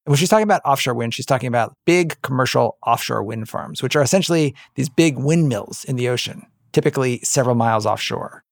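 Gravelly-voiced male podcast host. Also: mid-range voice, fast, few pauses, no echo, clean studio sound. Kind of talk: conversational narrated storytelling.

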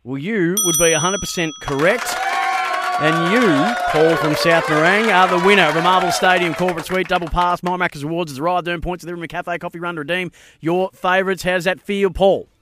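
A man's voice: sits high, fairly quick, over a noisy crowd. An Australian man presenting a live sports talkback show and quiz on radio, close on a studio microphone.

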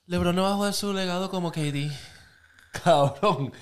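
A man's voice: high voice, normal speed, echoey room, crowd noise. A man in a casual sports debate, teasing and heckling and repeating phrases.

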